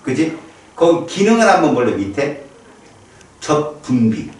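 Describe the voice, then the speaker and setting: A man teaching a biology class, lecturing in a lively, playful way and acting out little reactions for the students. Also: fairly high pitch, a little slow. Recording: echoey room from far off.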